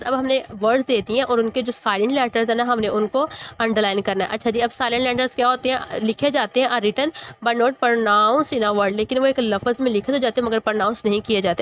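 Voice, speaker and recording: A woman teacher works through an English exercise, translating each word and checking in with her students. Her voice sits a little high for a woman. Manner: explains English words in Hindi-Urdu, repeats "ठीक है". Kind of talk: exercise walkthrough lesson.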